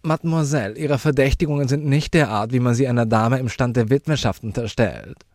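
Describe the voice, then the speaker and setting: A man's voice: a little fast, a little mellow, no room sound, studio quality, close to an everyday voice. A man doing a prim, prissy old widow. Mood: preachy. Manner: high, affected, preachy. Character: prim, prissy middle-aged widow lady.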